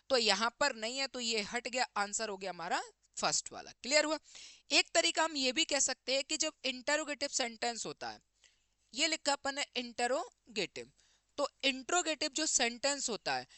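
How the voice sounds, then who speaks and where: A man teaching an exam-prep grammar lesson. He asks quick questions and answers them himself, and he mixes English grammar terms into his talk. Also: extremely high pitch, very animated, pushed and bright, clear, resonant tone, no room sound.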